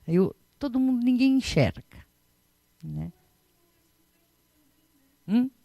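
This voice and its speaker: Uma mulher dando uma palestra budista em tom de conversa, cheia de perguntas retóricas e de "né?". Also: female voice, fairly high pitch, lively intonation, takes it slowly, creaky, dark tone, no room sound. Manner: chatty, rhetorical questions, frequent tag "né?". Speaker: Buddhist teacher. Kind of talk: conversational dharma talk.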